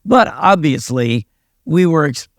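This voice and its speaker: A man's voice: a little high, animated, takes it slowly, no echo, studio quality. An older American man, a retired police sergeant and pastor, telling stories in a casual interview with a wry, self-deprecating manner. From United States.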